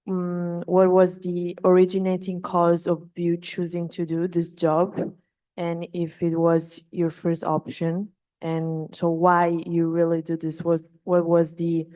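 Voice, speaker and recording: Slow, flat-voiced young woman. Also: fairly low pitch. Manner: polite, slightly hesitant. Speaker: student asking a question. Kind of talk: formal audience question.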